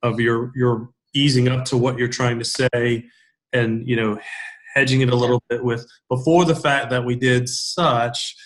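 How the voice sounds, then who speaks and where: A man's voice: medium pitch, little pitch movement, moderate pace. A man giving casual, encouraging peer feedback on a video call, rambling with many restarts. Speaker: peer reviewer.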